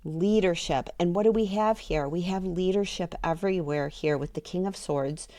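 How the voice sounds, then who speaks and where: A middle-aged woman doing a casual tarot card reading, chatty and excitable, thinking aloud as she goes and sometimes rushing her words. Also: lowish voice, no echo. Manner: talks fast at times. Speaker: tarot reader.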